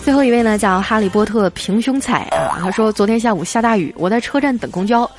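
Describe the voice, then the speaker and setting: A woman hosting a radio-style show, reading listener jokes aloud with playful storytelling and drawn-out particles. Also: medium pitch, lively intonation, music in the background.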